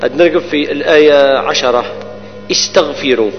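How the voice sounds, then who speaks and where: A man leads a Quran recitation lesson, explaining each rule patiently and drawing out the verses slowly. His voice rings with a long reverb and sounds dull and lo-fi. A mains hum and faint music sit underneath. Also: a little high.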